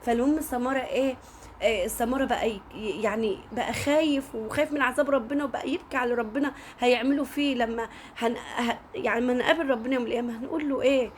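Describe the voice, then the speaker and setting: A woman with an Egyptian Arabic accent tells a story in a relaxed, chatty manner, frequently addressing her listeners directly. Her voice is slightly high and quick, with a bit of background noise.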